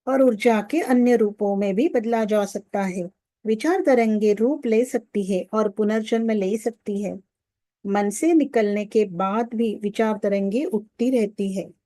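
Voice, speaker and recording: Mellow-voiced woman reading a spiritual audiobook. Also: mid-range voice, no echo. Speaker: audiobook narrator. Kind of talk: scripted spiritual audiobook narration.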